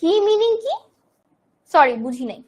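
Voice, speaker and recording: A woman's voice: extremely high pitch, sing-song, a little slow. A young woman from Bangladesh teaching a live online grammar class, explaining terms and answering students' chat questions.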